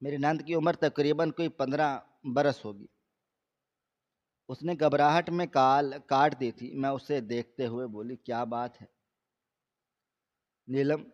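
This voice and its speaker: A man reading a scripted first-person story aloud in a steady, measured way. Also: mid-range voice. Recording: slightly dull lo-fi recording.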